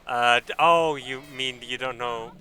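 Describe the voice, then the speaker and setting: A man's voice: medium pitch, unhurried, sharp tone, clean tone. A man streaming a game and chatting offhand to his viewers over a livestream headset, in a wry, casual way. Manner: offhand, wry, talks to chat while playing. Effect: livestream headset audio.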